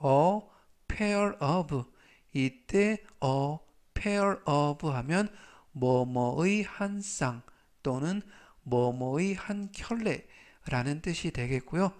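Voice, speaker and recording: A man's voice: fairly high pitch, animated, extremely slow. A man speaking Korean with a Korean accent, giving an English vocabulary lesson. He repeats each word three times, then explains it in set phrases. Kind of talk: slow, methodical vocabulary lesson.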